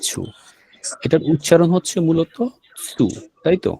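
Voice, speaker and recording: This Bangladeshi man runs a language class on vocabulary, repeating words patiently and confirming students understand. His fairly high voice has vocal fry, a dark tone and a breathy edge, and he speaks at a measured pace.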